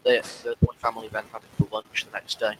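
A man chatting on a podcast, telling stories hesitantly with many restarts and pauses. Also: on the low side, completely flat delivery, fairly bright tone, slight background noise, poor audio. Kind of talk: casual podcast chat.

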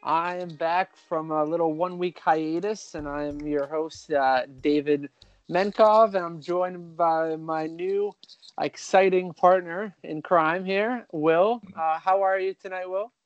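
An upbeat man hosts a sports podcast in a relaxed, chatty way, with plenty of filler words along the way. His voice sits a little higher than most men's. The sound is dry and a bit dull, like a lo-fi home setup. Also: measured pace, smooth, no echo. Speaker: podcast host. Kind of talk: casual sports betting talk.

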